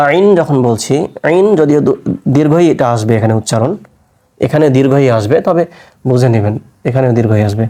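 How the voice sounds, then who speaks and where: A man's voice: a little high, mellow. Patient man teaching Quran letter sounds. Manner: patient, reassuring, stretches letter sounds to demonstrate. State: tired from fasting. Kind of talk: online class lesson, explaining and demonstrating.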